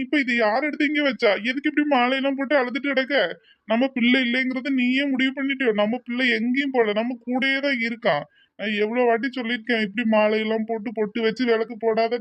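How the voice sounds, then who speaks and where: A man voicing a grieving elderly husband in a cartoon, who keeps repeating himself as he pleads and gently scolds his wife. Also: extremely high pitch, no echo. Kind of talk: cartoon voice acting. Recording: dull lo-fi dry recording.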